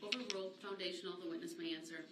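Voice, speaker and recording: A woman judge directing court procedure in a formal, brisk manner. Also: on the low side, steady tone, a bit bright. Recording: echoey courtroom with background noise.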